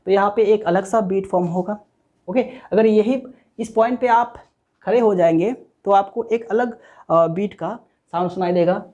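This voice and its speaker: Mellow-voiced teacher, patient step-by-step. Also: medium pitch, moderate pace, highs cut off. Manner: explains step by step, with frequent "okay" check-ins; repeats points and mixes in English technical terms. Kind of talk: recorded online physics lecture.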